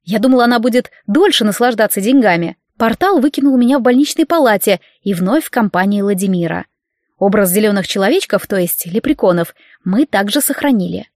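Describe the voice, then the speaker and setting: A woman narrating a fantasy audiobook in the first person, with a wry, lively delivery. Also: medium pitch, a little fast, no echo, clean studio sound.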